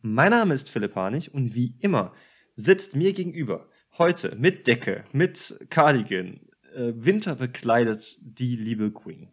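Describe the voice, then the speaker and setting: A male podcast host chats casually from his home apartment, his medium-pitched voice swinging widely in pitch, unhurried and breathy. He's jokey and talks straight to listeners, sounding slightly worn after a day of talking.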